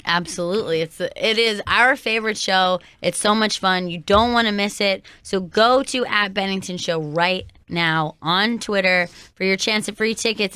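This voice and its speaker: Teasing woman co-hosting radio, medium pitch. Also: pushed and bright, clean tone, dry recording. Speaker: radio show co-host. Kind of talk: casual chat.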